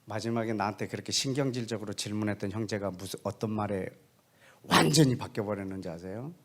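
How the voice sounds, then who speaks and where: A male missionary preacher telling a story in a sermon, putting questions straight to the congregation and often dropping into a soft, hushed voice. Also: fairly low pitch, fast talker. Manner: addresses the congregation directly with questions.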